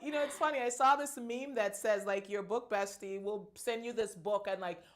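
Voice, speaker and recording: A woman's voice: mid-range voice, moderate pace. A woman from Jamaica hosting a casual interview, bubbly and laughing, with lots of "like" in her talk. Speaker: host.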